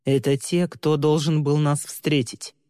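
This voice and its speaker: A man reads as a scheming young driver, unruffled and matter-of-fact, a quiet menace under every line. The voice is warm and dark, with a long reverb tail. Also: a little high, unhurried, clear, resonant tone, studio quality, lightly acted. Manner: calm, flat and matter-of-fact, coolly menacing. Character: cool, scheming young man driving a limousine.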